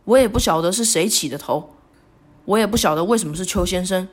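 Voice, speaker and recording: A woman talks alone on her podcast. Her reflective monologue is halting and remorseful, and she often stops and restarts her sentences. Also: on the low side. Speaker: podcast host.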